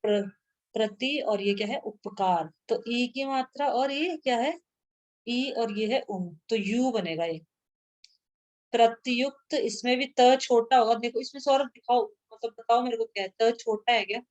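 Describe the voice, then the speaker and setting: A woman's voice: a little high, measured pace, a little mellow. A woman teaching a grammar lesson to a class, patiently repeating sounds aloud and checking that students follow.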